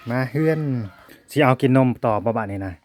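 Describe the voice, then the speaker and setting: A man's voice: medium pitch, fairly quick, a little mellow. A man with an Isan Thai accent, chatting casually to viewers as he films his family at home and keeps addressing them as brothers and sisters. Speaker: vlogger filming family life. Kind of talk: casual running commentary to viewers. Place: family home in a rural village.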